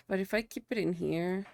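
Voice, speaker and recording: A young woman whose first language is Spanish chats casually with viewers on a live stream, thanking them and muttering to herself as she works. Her voice is mid-range with vocal fry, at a moderate pace.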